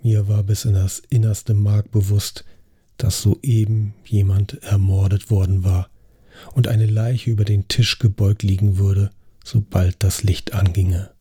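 A male narrator reads a story aloud in the first person, with a very dark, mellow tone and a husky edge. His delivery is scripted and expressive. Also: fairly low pitch, unhurried. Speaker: audiobook narrator.

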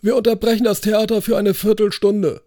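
Guy reading fussy old judge, squeaky sing-song griping, mellow dry audiobook sound. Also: flat delivery, fairly quick, vocal fry, no room sound. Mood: exasperated. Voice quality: shrill, sing-song outburst. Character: hot-tempered older male judge.

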